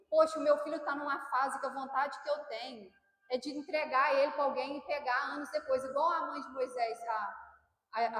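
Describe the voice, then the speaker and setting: Fervent woman preacher in an echoey church. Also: high-pitched. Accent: Mineiro Brazilian Portuguese. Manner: fervent, exhorting the congregation with acted-out quotes and humor. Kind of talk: sermon. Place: church sanctuary.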